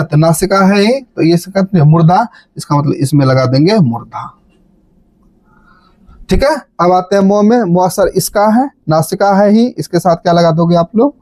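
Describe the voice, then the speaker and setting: A man's voice: sits high, dry recording. A man teaching a grammar lesson, quizzing students and chanting memory formulas in a sing-song way. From Bihar, India. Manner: lively, repeats key terms, quizzes students with "बात समझ रहे हैं?".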